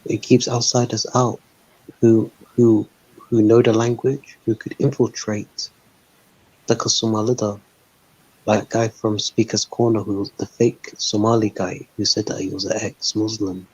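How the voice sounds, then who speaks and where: A man with a husky, somewhat low voice hosts a casual stream panel, heard over dull, muffled call audio. He rambles between questions and fills his pauses with "like" and "um". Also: little pitch movement, a little mellow. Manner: rambling, heavy use of "like" and "um". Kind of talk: casual online panel discussion. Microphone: voice call over a live stream.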